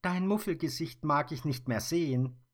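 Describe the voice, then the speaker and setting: A man voicing a cross, moody little girl in a children's story, in a high, squealing child's voice. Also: moderate pace, lightly acted. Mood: grumpy.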